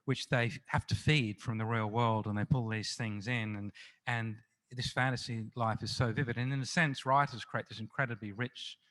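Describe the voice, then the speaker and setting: A man's voice: medium pitch, steady tone, moderate pace, a bit bright. A middle-aged man, a crime novelist being interviewed, telling anecdotes in a chatty, self-deprecating way full of restarts and fillers. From Australia. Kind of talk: festival interview, anecdotal storytelling.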